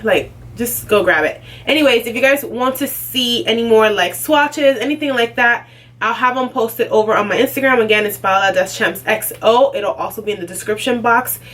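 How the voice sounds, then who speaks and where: A woman's voice: a little high, fairly bright tone. A young woman chatting casually as a beauty vlogger, full of "like" and "um" as she goes. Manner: chatty, lots of "like" and "um". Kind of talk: casual unboxing chat. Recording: slightly distant, faint background noise.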